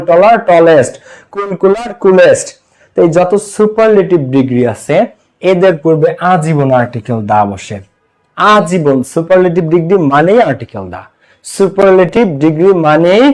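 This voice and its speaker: A man's voice: fairly high pitch, a little mellow, poor audio. A young man from Bangladesh teaching English grammar in a live online class, drilling students with repeated questions and answers.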